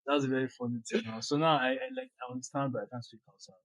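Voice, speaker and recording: A man's voice: mid-range voice, very fast, dry recording, low-quality recording. A young Nigerian man with a Nigerian accent, talking as an interview guest in a hesitant way, full of ums and restarts. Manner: hesitant, many ums and repeated words. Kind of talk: casual interview chat.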